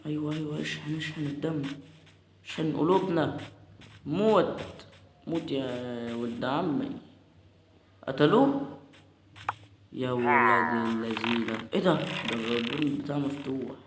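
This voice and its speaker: Excitable Egyptian man yelling at his game. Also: fairly high pitch, moderate pace, long pauses. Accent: Egyptian Arabic. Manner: excitable, yelling orders at the game, frequent repeated words. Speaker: gamer. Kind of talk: live gameplay commentary. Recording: echoey room with clear background noise.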